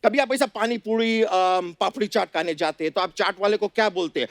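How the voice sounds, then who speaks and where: A man putting on a bumbling high-voiced fake fan. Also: brisk, dry recording. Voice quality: stammering over big words, mixes English. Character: bumbling self-styled Hollywood fan-producer, man, fumbling words. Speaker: comedian in a sketch. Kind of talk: comic sketch impression with broken Hindi grammar. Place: TV studio stage with audience.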